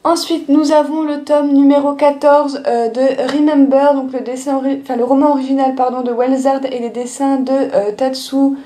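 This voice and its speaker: A young woman with a high but mellow voice, talking through her manga haul in a loose, chatty way. She pads her sentences with little fillers and restarts as she goes. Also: level tone, a little fast, few pauses. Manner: chatty, lots of "euh" and "du coup" fillers. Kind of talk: casual haul video chat.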